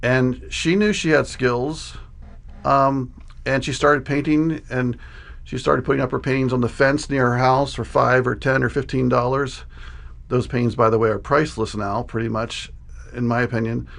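Casting: male interview guest, 60s, middle pitch, informal storytelling. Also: level tone, normal speed, creaky, a bit bright. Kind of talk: casual conversational recollection.

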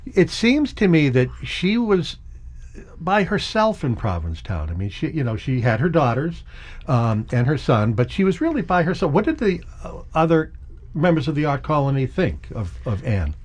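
Animated middle-aged man hosting an interview. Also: fairly high pitch, moderate pace. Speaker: interview host. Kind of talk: conversational interview.

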